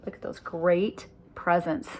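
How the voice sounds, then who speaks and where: With a lowish voice and a measured pace, an elderly woman performs a rhyming picture book for kids, lively and lilting, adding chatty remarks about the illustrations. A faint hiss or hum sits underneath.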